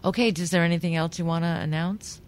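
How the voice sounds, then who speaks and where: A woman hosting a casual radio interview, chatty and quick to laugh. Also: lowish voice, fairly even intonation. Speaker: radio show host.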